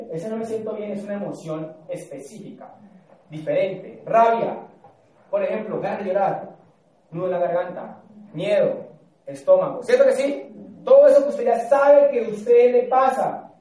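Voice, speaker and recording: A man's voice: sits high, warm tone, distant mic, slight background noise. A man giving a live motivational talk to a group, emphatic and often asking the audience questions. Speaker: motivational speaker. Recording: echoey hall, off-mic.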